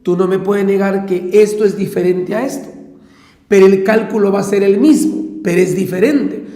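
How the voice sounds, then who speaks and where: A man's voice: high voice, normal speed, mellow. A man with a Peruvian Spanish accent, a math teacher giving an exam-prep lecture step by step and checking in with his listeners. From Peru. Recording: echoey room with long reverb.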